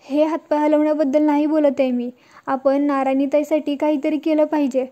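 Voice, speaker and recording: Woman reading spirited young woman, caring, coaxing, teasing, high mellow voice. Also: little pitch movement, a little fast, lightly acted. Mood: determined.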